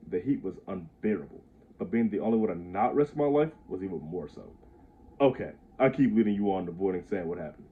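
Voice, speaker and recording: A man in his twenties casually reading aloud his own handwritten story, stumbling over the words and chuckling at himself. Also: on the low side. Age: 20s. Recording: tinny phone-like audio.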